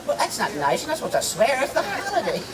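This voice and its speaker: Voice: high voice, huge pitch swings, quick pace. Playful, swooping Christmas gnome storyteller, acted live, distant outdoors. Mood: teasing. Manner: playful, teasing, sing-song, exclaiming. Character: jolly mischievous Norwegian Christmas gnome, Yule Nissen. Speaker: costumed storyteller. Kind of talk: theatrical live storytelling to a crowd. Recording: noisy outdoor crowd, voice from afar.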